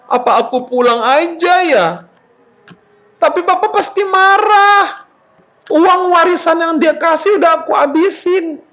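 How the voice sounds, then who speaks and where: A hungry young son, high and whining, sobbing through his words, as a man puts him on. The voice swoops up bright and sharp with lively swings, like a storyteller acting for children. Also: moderate pace, full character voice. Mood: tearful. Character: poor hungry young son, whiny and tearful.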